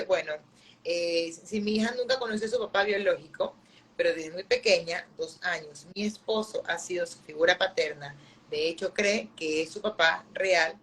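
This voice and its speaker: A woman's voice: medium pitch, moderate pace, a bit bright, low-quality recording. A woman hosting a live stream, reading audience questions aloud and answering with brief affirmations.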